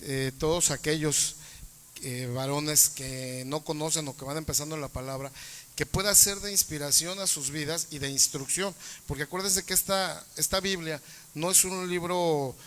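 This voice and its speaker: A man's voice: fairly high pitch, moderate pace, a bit bright, long reverb tail, a little hiss or hum. A man moderating a church panel discussion, conversational and often ending points with tag questions.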